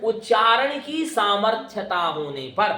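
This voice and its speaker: High-voiced male Sanskrit teacher, echoey classroom. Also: very animated, crowd noise. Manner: drills students with call-and-response questions; chanting grammar rules slowly.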